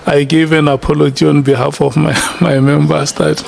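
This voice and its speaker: A South African man chairing a hearing, halting, good-humoured and conciliatory. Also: fairly high pitch, little pitch movement, gravelly, a little mellow. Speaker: committee chairperson. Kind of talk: informal remarks chairing a hearing. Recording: noisy hearing room ambience.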